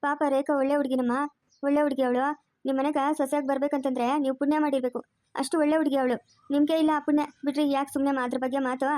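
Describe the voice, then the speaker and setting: A woman voicing a kind, fair-minded village neighbour woman who pleads and gently scolds. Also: sits high, flat delivery, quick pace, no room sound, lightly acted. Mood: pleading.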